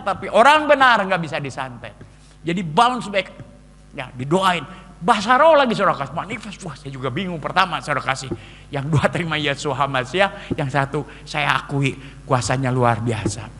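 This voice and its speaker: A middle-aged male pastor giving a lively testimony sermon, acting out the voices he quotes and calling his listeners beloved brethren. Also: a little high, moderate pace. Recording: long reverb, faint background noise.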